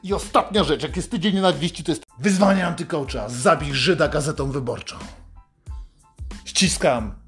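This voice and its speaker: A man's voice: on the high side, moderate pace, a bit bright, breathy edge, soft background music. A man delivering an aggressive, constantly swearing mock-motivational comedy rant to his listeners. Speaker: satirical anti-coach host. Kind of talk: profane satirical rant to listeners.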